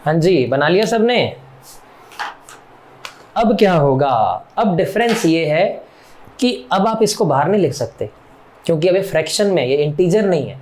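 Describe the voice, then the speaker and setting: A man's voice: animated, moderate pace, long pauses, a little mellow. Man teaching math on a whiteboard. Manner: explains step by step, asks the class rhetorical questions; counts off axis numbers in a low voice while drawing. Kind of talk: recorded whiteboard lecture.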